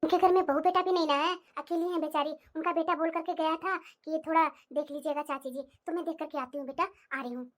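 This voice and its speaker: Woman doing a gentle older mother-in-law. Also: sits high, steady tone, fast, hardly any pauses, voice pushed down, close to an everyday voice. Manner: gentle, soft-spoken.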